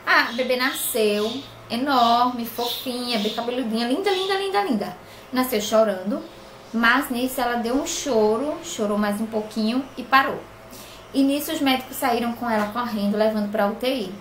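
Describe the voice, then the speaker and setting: A woman's voice: fairly high pitch, normal speed, fairly bright tone, a little hiss or hum. A young woman from Brazil, plainspoken and emotional as she tells a personal story in a vlog. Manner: earnest, plainspoken, emotional retelling. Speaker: crochet vlogger. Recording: echoey room with faint ambience.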